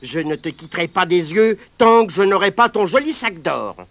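A woman's voice: lowish voice, expressive, moderate pace, dry recording. A woman voicing a cocky, stubborn young Irish boy who taunts and orders about in a raised voice. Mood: bossy. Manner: bossy and taunting, raises his voice.

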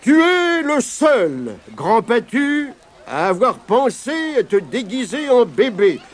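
A stately storybook lion king making a proclamation, as a male reader puts him on. He speaks slowly and grandly, the pitch lifting high, with soft music behind. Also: sing-song, exaggerated voice. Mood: solemn.

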